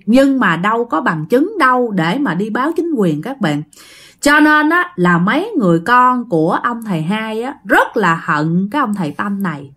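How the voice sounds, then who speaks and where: A woman's voice: medium pitch, a bit bright. A woman with a Southern Vietnamese accent narrating a ghost story in a chatty storytelling style, often speaking straight to her listeners. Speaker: storyteller host.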